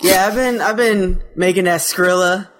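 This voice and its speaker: A man co-hosting a casual podcast, joking around with playful slang and quick banter. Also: high voice, a bit bright. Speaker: podcast co-host.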